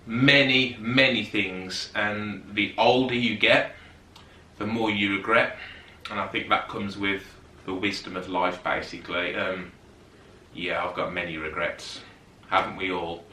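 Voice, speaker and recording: This fitness YouTuber, a man in his 30s, talks casually to camera from a settee at home, chatty and rambling off topic. He has a lowish, sharp voice with fairly even intonation and a slightly slow pace. The low-quality recording is reverberant and far from the mic.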